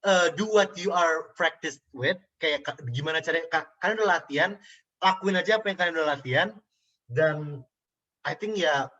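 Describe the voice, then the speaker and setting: A young man giving a casual online public speaking class, answering questions in relaxed slang and dropping in English phrases. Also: a little high, moderate pace, lo-fi sound.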